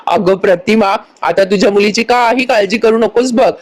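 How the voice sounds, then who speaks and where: A woman's voice: mid-range voice, normal speed, a little mellow, lightly acted. A fussy, scheming middle-aged mother who talks sweetly, read by a woman narrator in a voice-over serial recap. The reader's own voice carries it with little change. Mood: fussing.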